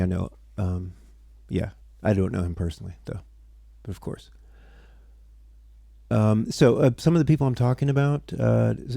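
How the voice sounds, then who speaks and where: A man's voice: fairly low pitch, creaky, warm tone, breathy edge, dry recording, studio quality. A tired man teaching music theory on a casual livestream, rambling and breaking off mid-sentence as he chats with viewers. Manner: rambling, self-interrupting, chatty with viewers.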